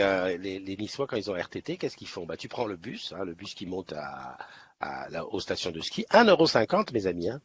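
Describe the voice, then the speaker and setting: A man from Nice hosting a casual livestream, chatting in a rambling way with many restarts. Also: on the low side. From Nice, France. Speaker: livestream host. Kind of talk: casual live chat. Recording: slightly dull sound, faint background noise.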